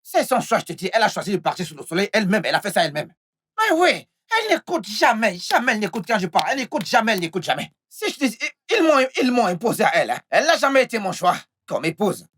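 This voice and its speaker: In a film melodrama, a man plays a volatile, short-tempered, scheming and unfaithful husband, using a full character voice that sits high, bright and fast with big pitch swings. Defensive and exasperated, he repeats himself and stammers through his words.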